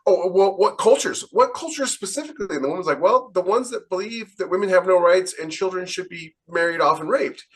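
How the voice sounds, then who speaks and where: Here the same podcast host and fiction writer sounds high and slightly breathy, talking a bit fast with barely a pause. Recorded at a distance, he voices his opinions freely and performs the back-and-forth of each conversation he recounts.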